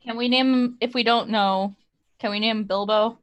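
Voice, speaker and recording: A woman's voice: on the high side, steady tone, moderate pace, no echo, dull audio. A woman chatting casually as a player at a tabletop game.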